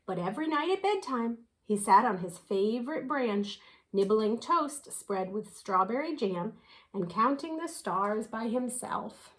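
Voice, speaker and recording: Female children's story reader: higher-pitched, unhurried, very expressive delivery. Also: poor audio. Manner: animated, unhurried, dramatic emphasis. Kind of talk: expressive picture-book read-aloud.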